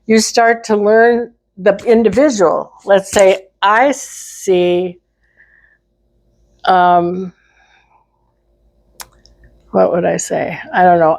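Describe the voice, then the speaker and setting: A woman's voice: on the low side, gravelly, darkish tone, low-quality recording. An older woman in casual elderly couple banter, hesitantly thinking aloud as she talks. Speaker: co-host in a couple's discussion.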